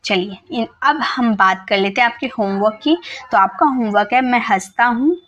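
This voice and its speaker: A woman teacher with a slightly high voice walks viewers through an English lesson in a relaxed, conversational way. She repeats every example patiently and slowly, pausing often to check the listener is following. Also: lo-fi sound. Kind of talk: casual explanatory lesson.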